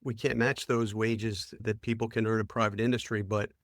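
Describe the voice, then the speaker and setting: Steady plain-spoken American man in his fifties. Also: fairly low pitch, moderate pace, no room sound, studio quality. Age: 50s. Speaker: township manager. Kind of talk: roundtable discussion.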